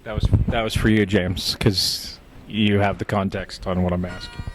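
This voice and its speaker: A man's voice: low voice, level tone, moderate pace, noisy background. Joking man co-hosting a podcast. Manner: joking, teasing. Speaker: podcast co-host. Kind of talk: casual podcast chat.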